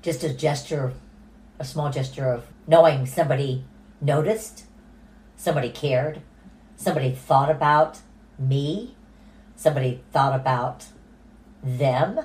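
A woman with an unusually deep, low-pitched voice co-hosts a faith podcast. She talks calmly and reflectively, often affirming her partner. Her tone is that of casual conversation. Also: measured pace, long pauses, low-quality recording. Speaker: podcast co-host.

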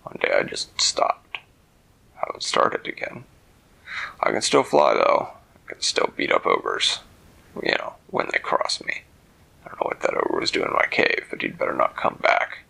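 A man voicing a big, tough male dragon in a slow, deep, breathy rumble. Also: huge pitch swings, bright, forceful tone, full character voice, low-quality recording. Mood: gruff. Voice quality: breathy, whispery.

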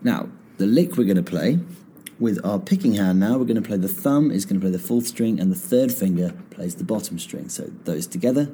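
Somewhat brisk and on the low side, a guitar teacher hosting a podcast calmly lays out finger positions step by step. It is a casual, relaxed lesson with guitar between phrases, and his voice is slightly croaky from singing.

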